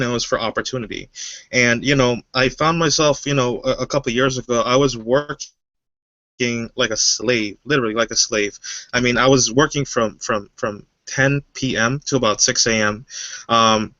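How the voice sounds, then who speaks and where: A man's voice: mid-range voice, steady tone, moderate pace, pushed and bright, dry recording, dull audio. A man from Guyana, a webinar guest, telling his story casually with many fillers. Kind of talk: personal story.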